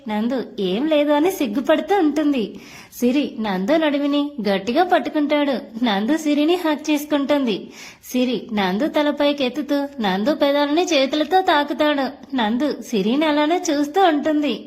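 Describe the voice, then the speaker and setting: High-voiced woman narrating a story. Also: normal speed, darkish tone.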